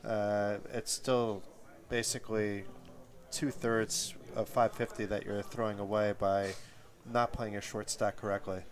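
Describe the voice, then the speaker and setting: A man's voice: on the low side, level tone, a little slow. A man commentating on a live poker tournament, explaining the play in an analytical way.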